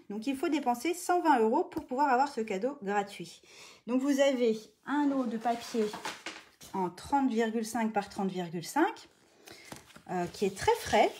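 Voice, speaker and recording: A woman hosting a live craft tutorial, chatting casually, greeting viewers by name and filling pauses with hesitations. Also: on the high side, darkish tone, slight background noise. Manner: chatty, greets viewers by name mid-sentence, many fillers.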